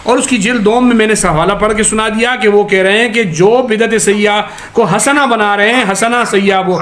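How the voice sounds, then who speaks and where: A man's voice: high voice, a bit bright. A man, an Islamic scholar, debating a caller by phone, mocking him sarcastically and then preaching at him. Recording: echoey room.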